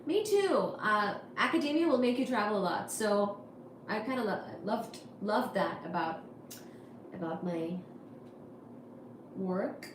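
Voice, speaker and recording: A woman's voice: mid-range voice, expressive, a little slow, pauses often. A woman from India hosting a casual livestream, answering chat comments with wry asides. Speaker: livestream host. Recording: echoey room with faint noise.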